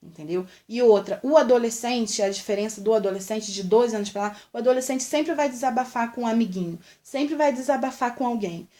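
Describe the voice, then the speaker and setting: A woman's voice: a little high, a little fast, few pauses, warm tone. A young woman with a Brazilian accent talks straight to mothers, earnest and repetitive as she pleads with them. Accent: Brazilian Portuguese. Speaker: vlogger. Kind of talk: heartfelt direct-to-camera talk.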